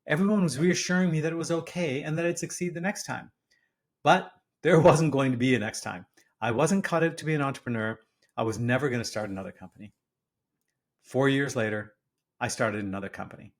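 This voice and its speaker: A man in his fifties narrates a scripted personal essay for his podcast. His mid-pitched voice is wry and self-deprecating as he tells the story. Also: a little fast. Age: 50s. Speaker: podcast host.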